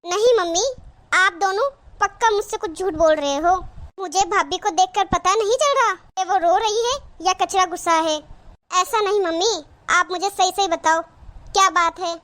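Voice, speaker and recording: A woman voicing a chatty young married sister in a cartoon, with a very high, bright voice. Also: normal speed. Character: cheerful young married sister visiting her brother. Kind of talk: cartoon voice acting.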